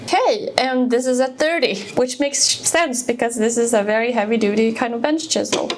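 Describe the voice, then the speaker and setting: A woman's voice: fairly high pitch, fairly even intonation, normal speed, slight background noise. A woman, casually walking through a tool demonstration in her workshop, explaining each step with fillers and restarts. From Sweden. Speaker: woodworking video host. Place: home woodworking workshop.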